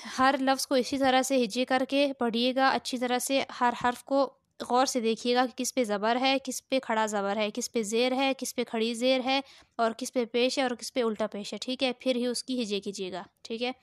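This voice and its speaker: A woman teaches Quran reading, spelling words one syllable at a time and stretching every sound. Her voice is very clear and sits a little high. It is recorded close and dry, with no room sound. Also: fairly even intonation, dry recording. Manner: drawn-out syllable-by-syllable spelling, then quick explanations. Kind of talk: slow spelled-out recitation lesson.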